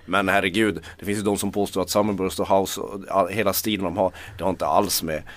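A man's voice: low-pitched, steady tone. A man chatting casually about music as a critic, often breaking off, hesitating and repeating his words.

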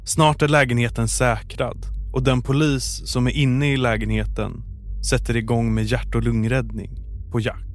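Calm man narrating true crime. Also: mid-range voice, soft background music. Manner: calm, measured storytelling. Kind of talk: scripted narration.

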